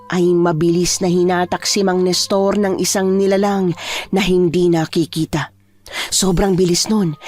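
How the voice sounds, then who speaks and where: A woman narrating a true horror story in first person in a hushed, measured way over faint music. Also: fairly low pitch.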